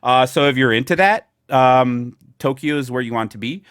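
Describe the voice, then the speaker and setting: A man's voice: medium pitch, moderate pace, fairly bright tone, clear, resonant tone, dry recording, studio quality. A man hosting a podcast in casual chat, rambling and joking with friends. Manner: rambling, laughing, lots of fillers and jokes. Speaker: podcast host.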